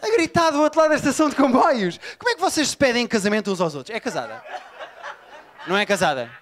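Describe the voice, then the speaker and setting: A man from Portugal with a Lisbon accent, performing an animated, profane stand-up set and riffing with the crowd. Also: very high voice, fast. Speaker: stand-up comedian. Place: comedy bar before a live audience. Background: audience laughter.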